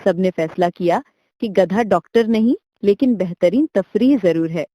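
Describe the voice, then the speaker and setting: A woman telling a funny children's story about animals in a lively, light comic way, as scripted narration. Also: mid-range voice, normal speed, no echo.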